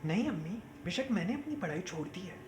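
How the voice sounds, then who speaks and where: A performer playing an earnest young man, a caring elder brother, who talks in a steady, reassuring way in an amateur short film. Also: mid-range voice, fairly quick, over music, close to an everyday voice. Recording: echoey room with steady background noise.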